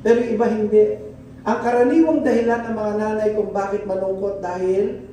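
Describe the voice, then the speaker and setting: A man's voice: high-pitched, fairly even intonation, a little fast, warm tone, faint music behind. A male pastor with a Filipino accent preaching a conversational sermon in church, often asking the congregation questions and mixing in English. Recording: echoey church hall, mic from a distance.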